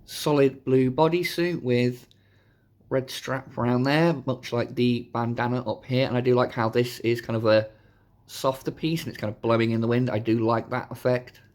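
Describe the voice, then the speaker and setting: A man hosting a casual, chatty toy review, his voice hoarse from a sore throat. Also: mid-range voice, fairly even intonation, normal speed, darkish tone. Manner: informal, chatty. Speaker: host of a toy review channel.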